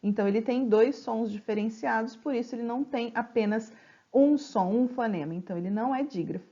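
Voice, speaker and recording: A woman teacher giving a slide-based grammar lesson, explaining patiently and stretching example words out slowly. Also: on the high side, dark tone, lo-fi sound. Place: home.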